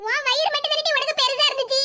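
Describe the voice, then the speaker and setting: A shrill, squeaky old cartoon mother, as a woman puts her on, grumbling and self-pitying, snapping sarcastic complaints at her child. The voice sits extremely high, and loud noise hisses underneath the whole recording. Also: quick pace. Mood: scolding. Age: older.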